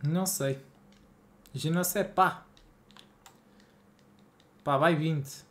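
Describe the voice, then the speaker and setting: A young Portuguese man with a northern Porto accent is live-streaming a game from his home streaming room. His voice sits on the high side and he draws out his words as he chats casually with viewers in slangy, exasperated banter.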